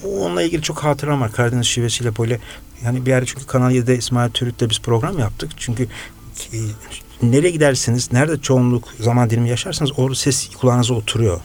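A man's voice: mid-range voice, quick pace. A man from Kars, a guest voice impressionist, telling stories animatedly on a radio show. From Kars, Turkey. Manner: animated, shifts into imitated voices. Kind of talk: casual storytelling. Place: radio studio.

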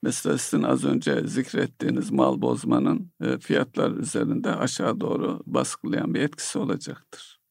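A man giving economic commentary in a hesitant, analytical way, pausing often with filler sounds. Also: very deep voice, very animated, vocal fry, darkish tone, dry recording, studio quality. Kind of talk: analytical discussion.

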